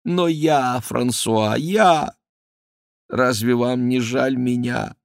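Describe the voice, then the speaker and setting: A man voicing an aging, scheming queen mother who pleads with her son in a raised, drawn-out way. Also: medium pitch, creaky, no echo, studio quality, voice pushed up. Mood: imploring.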